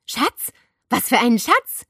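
A woman's voice: sits high, normal speed, a bit bright, no room sound, studio quality, pitched above the performer's own voice. A woman voicing an impatient, easily shocked schoolgirl.

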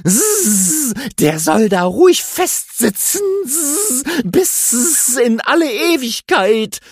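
A man's voice: very high-pitched, sing-song, slow, husky, no echo, studio quality, pitched above the performer's own voice, exaggerated voice. A man voicing an angry swarm of bees that buzz and hiss, in a children's audiobook. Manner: buzzing, hissing.

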